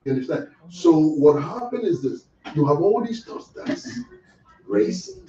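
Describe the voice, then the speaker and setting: A man leads a ministry training, preaching in a conversational way and often asking his listeners if they understand. His fairly high voice swings up and down with lively expression. He sounds distant and muffled in an echoing room, with a crowd murmuring agreement. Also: normal speed. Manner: animated, asks "You understand?" often. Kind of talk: conversational teaching sermon. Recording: echoey room, far mic, dull, crowd.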